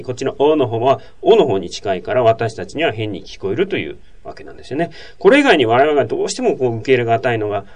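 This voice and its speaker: Male talk host, quick and animated delivery, explanatory chat. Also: medium pitch. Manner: explanatory, lively, reads listener messages. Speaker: radio show host. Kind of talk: casual talk show explaining language.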